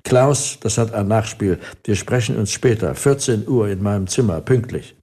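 A cold, sneering woman doctor barks orders and talks down to her patient, as a man reads her aloud. The voice stays husky and darkly coloured, pitched low. It is an audiobook reading. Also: moderate pace, mellow. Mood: commanding. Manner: scolding, condescending.

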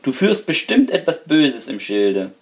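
A gruff farmer speaks bluntly and with scorn, as a male narrator plays him. He is skeptical and firm, a plain countryman in a read-aloud fable. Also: mid-range voice, sing-song, measured pace.

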